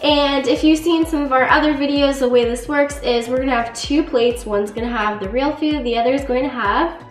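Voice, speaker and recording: A woman's voice: high-pitched, brisk. A young woman hosting a casual challenge vlog, squealing and giggling in disgust. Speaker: vlog host. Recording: echoey room with music behind.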